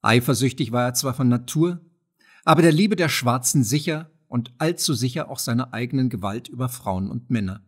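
Man, audiobook narrator, husky voice, measured storytelling, mid pitch. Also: expressive. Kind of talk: scripted narration of a novel.

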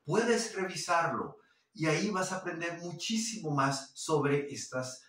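A man giving a language lesson, explaining points and then saying each phrase again and again at a slow, careful pace. His pitch swings up and down a lot. He sounds a little away from the mic in a very echoey room. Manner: explains then repeats English phrases slowly, lively intonation. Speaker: English teacher. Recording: roomy echo, voice from some distance.

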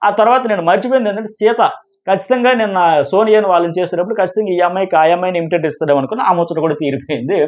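A man's voice: sits high, very fast. A man giving a rambling, casual review of a reality show, with frequent restarts. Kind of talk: casual commentary to camera. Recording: dull lo-fi sound.

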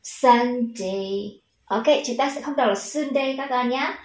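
A woman's voice: high-pitched, fairly quick, reverberant, poor audio. A woman with a Vietnamese accent teaching children English pronunciation, patient and encouraging, stretching out the model words.

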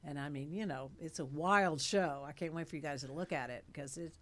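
Using a studio mic on a stand in a room of dark curtains and blue lights, a late-sixties actress chats animatedly in a casual interview, full of fillers. Her voice sits low yet has a fairly bright tone, and she talks fairly quickly.

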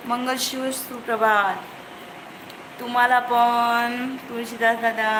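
A woman's voice: on the high side, background noise. A woman hosting a casual livestream, greeting viewers by name and reading their comments out while she chats from a window at home. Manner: shows birds from her window and chats about them. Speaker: livestream host.

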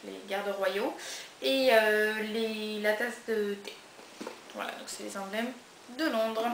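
A woman chatting casually as she unboxes a monthly beauty box for her viewers, with many hesitations. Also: a little high. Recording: echoey room with faint hiss.

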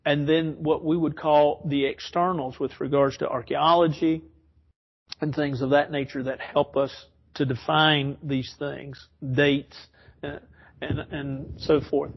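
A man's voice: fairly high pitch, flat delivery, unhurried, vocal fry, slightly rough, highs cut off. A man teaching an informal Bible study in a church, rambling and correcting himself as he explains. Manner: rambling, self-correcting, chuckles often. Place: church classroom.

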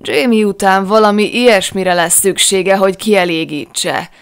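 A woman voicing a drunk, rowdy male Scottish clansman who shouts crude jokes in a loud heckling voice, read for an audiobook. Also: high-pitched, steady tone, creaky, clean tone. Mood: drunken boisterous.

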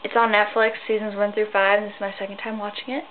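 A sixteen-year-old girl vlogging at night in her bedroom, rambling and tired, with sudden squeals of excitement. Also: medium pitch, fast. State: tired, sleepy. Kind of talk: rambling casual vlog. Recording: tinny phone-like sound, faint hiss.

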